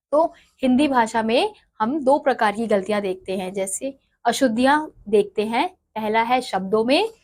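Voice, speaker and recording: A woman teaching a lesson to children, explaining slowly and repeating each example word. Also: on the high side. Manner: slow, explanatory, repeats words for dictation. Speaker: Hindi teacher.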